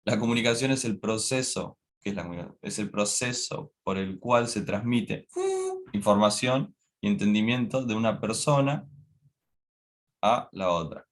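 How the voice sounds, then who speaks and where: Brief: young Argentine man, lower voice, student presenting a lecture, explanatory with lots of tag questions. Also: moderate pace. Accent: Argentine Spanish. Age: young adult. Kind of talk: classroom lecture.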